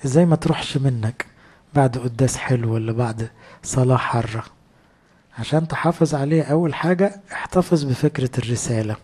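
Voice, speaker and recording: Egyptian male preacher, rapid and conversational, husky low-key timbre. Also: a little mellow. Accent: Egyptian Arabic. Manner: conversational, asks rhetorical questions. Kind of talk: sermon.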